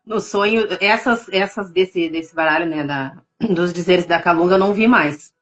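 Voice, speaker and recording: A Brazilian woman, a tarot reader, telling her story with deep emotion in a live interview over a video call. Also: normal speed. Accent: Brazilian Portuguese. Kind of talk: casual testimony in a live interview.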